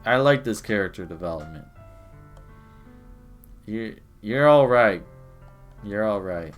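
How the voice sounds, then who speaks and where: A young man streaming a game, making crude jokes and loud reactions in casual chat. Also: lowish voice, expressive, slow, highs cut off. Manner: joking, crude, reacting loudly. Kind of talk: casual live game commentary. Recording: faint game music behind.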